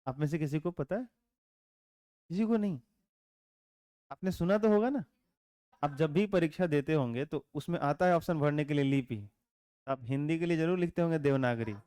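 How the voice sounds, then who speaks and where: A man teaching a classroom lecture, explaining calmly and often stopping to check that the students follow. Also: fairly high pitch, moderate pace, pauses often, clean tone, no room sound, clean studio sound. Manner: asks the class frequent check questions; calm explaining tone with teasing asides. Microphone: camera mic in classroom.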